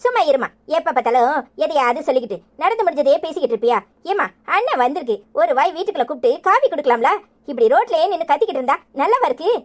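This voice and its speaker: A woman's voice: high voice, very animated, rapid-fire. A woman voicing a young village daughter in a Tamil cartoon, coaxing her mother and brother to make peace, with a Tirunelveli accent. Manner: coaxing, reasoning, pleading. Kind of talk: cartoon voice acting.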